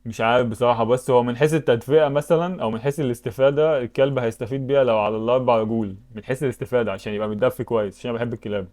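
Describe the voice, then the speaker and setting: Egyptian gaming YouTuber, male, rapid-fire talk, medium pitch, thinks aloud and exclaims. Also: steady tone, darkish tone. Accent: Egyptian Arabic. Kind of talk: casual commentary while playing web games.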